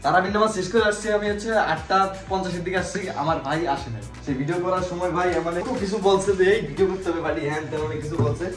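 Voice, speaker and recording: A young man with a Bangladeshi accent talks in a casual, joking vlog style. His delivery is rapid and slightly high-pitched, informal and chatty. The room echoes around his voice. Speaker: vlogger hosting a food challenge. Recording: roomy echo, music underneath.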